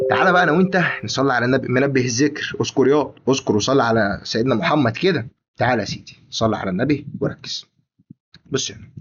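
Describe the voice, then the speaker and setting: A young man with an Egyptian Arabic accent teaching an exam-prep lesson, brisk and repetitive, speaking straight to his student. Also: high-pitched, a bit bright, dull audio.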